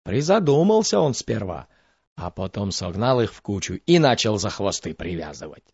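A man telling a fairy tale in a measured, expressive storytelling voice. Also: fairly low pitch, breathy edge, dry recording, dull audio.

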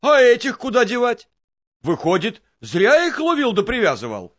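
Man playing a sly young fairy-tale soldier, teasing, high and bouncy, muffled lo-fi sound. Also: wildly swooping pitch, fairly bright tone, exaggerated voice. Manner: sly, teasing, quick-witted. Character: cunning cocky young male soldier.

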